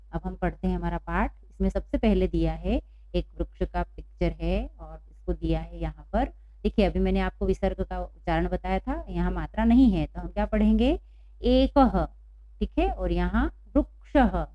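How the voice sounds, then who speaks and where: A woman's voice: fairly low pitch, normal speed, no room sound. Patient woman teaching a children's class. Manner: patient, asks and repeats questions. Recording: dull, dry lo-fi recording.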